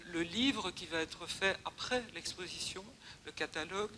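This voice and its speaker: Woman speaker, bright voice, thinking aloud, restarts her sentences, slight hiss behind. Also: lowish voice. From Belgium. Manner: hesitant, restarts phrases often. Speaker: guest speaker. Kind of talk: conference talk.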